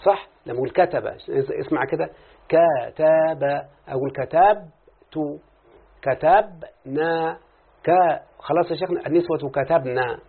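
A man's voice: a little high, fast, breathy edge. A man with an Egyptian Arabic accent teaching a grammar lesson, explaining with examples and often checking that the listener follows. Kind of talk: classroom lesson. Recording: phone-like muffled lecture recording.

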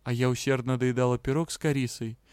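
A man reads a fantasy novel aloud in an even, clear manner. His voice sits in the middle range. The recording is dry and close, with no room sound. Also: mid-range voice, fast talker, no echo. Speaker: audiobook narrator. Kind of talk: audiobook narration.

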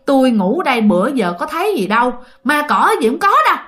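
A woman's voice: high-pitched, sing-song, fast talker, fairly bright tone. A woman voicing a skeptical young male worker who waves off talk of ghosts. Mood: dismissive. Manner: dismissive, offhand.

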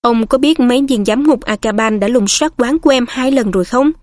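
A chatty, confiding woman innkeeper, read by a woman narrator talks over her customers' worries. The voice is fairly high and recorded close and dry. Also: fairly quick, darkish tone, no room sound, lightly acted.

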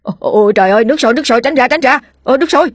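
A woman's voice: lowish voice, brisk, breathy edge, no room sound. Fields: woman doing pompous tipsy old man. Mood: panicked. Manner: lofty, then whiny and flustered.

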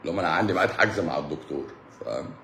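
A man's voice: rumbling low, very fast, sharp tone, reverberant, slight background noise. A man with an Egyptian accent chatting casually on a livestream, teasing his viewers and laughing often. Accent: Egyptian Arabic. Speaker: livestream host answering viewers. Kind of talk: casual joking livestream chat.

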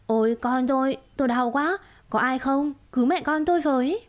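Woman narrator doing a sly pregnant rival, sweet on top, shrill when crying for help. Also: moderate pace, a little mellow, close to an everyday voice. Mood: wailing. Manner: sugary, then wailing and shrill. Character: scheming pregnant young woman, sweet-tongued.

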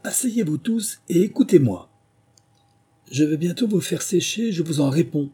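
A man's voice: mid-range voice, lively intonation, moderate pace, mellow, slightly rough. A man voicing a fussy, self-important male mouse who lectures the others pompously.

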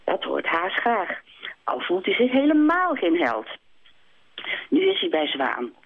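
Lively woman author on a phone line. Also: lowish voice, measured pace. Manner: hesitant, many restarts, expressive. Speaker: children's book author. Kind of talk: phone interview and reading aloud. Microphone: telephone.

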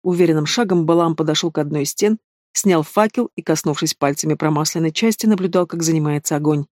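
An audiobook reader narrating a dark urban fantasy in a steady, measured way. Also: medium pitch, dry recording, studio quality.

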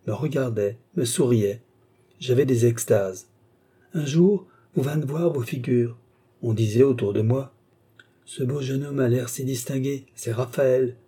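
Brief: man putting on an eager middle-aged baker's wife, fervent, dark husky tone, storybook. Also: mid-range voice. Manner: fervent, pleading.

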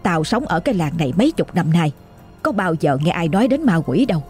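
A woman's voice: fairly low pitch, big pitch swings, fairly quick, darkish tone, soft background music. A woman voicing a stern older wife of a village headman, brusque and scolding.

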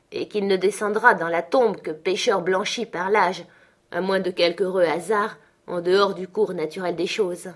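A woman's voice: medium pitch, close to an everyday voice. A woman voicing a brooding, bitter man in an audiobook, speaking grimly. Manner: bitter and grim. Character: brooding grim man, muttering curses. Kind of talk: audiobook character reading.

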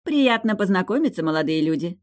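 A woman's voice: on the low side, animated, a little fast, close to an everyday voice. A woman voicing a playful, cheerful young woman in an audiobook. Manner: playful, friendly.

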